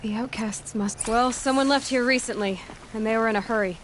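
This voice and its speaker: A woman's voice: fairly high pitch, a little fast, slight background noise, lightly acted. Woman acting a dry, direct young tracker. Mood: focused musing. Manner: matter-of-fact, dry. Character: wry, direct young female tracker questioning witnesses. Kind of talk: video game dialogue acting.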